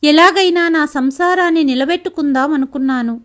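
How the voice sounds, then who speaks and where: A woman's voice: high voice, a little fast, lightly acted. A woman reading the lines of a hurt, defiant young wife in a spoken family story, pleading and tearful.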